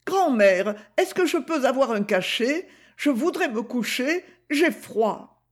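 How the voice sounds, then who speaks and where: A woman reading a story aloud and voicing a fifteen-year-old girl, speaking softly and plaintively with some hesitation. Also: sits high, lively intonation, slow, voice pushed up, exaggerated voice. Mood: sad.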